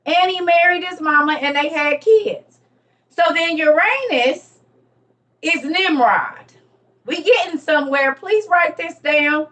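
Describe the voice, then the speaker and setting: A woman's voice: high-pitched, takes it slowly, fairly bright tone, far from the mic. A woman giving an emphatic, repetitive casual lecture to her viewers, teaching as she reads. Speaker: online teacher on religion and history.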